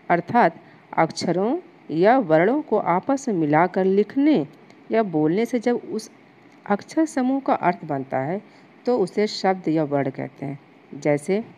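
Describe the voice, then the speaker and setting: A woman lecturer teaching a grammar lesson to students. She reads English definitions slowly, as if dictating, then explains them patiently. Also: mid-range voice, mellow, dull audio. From India.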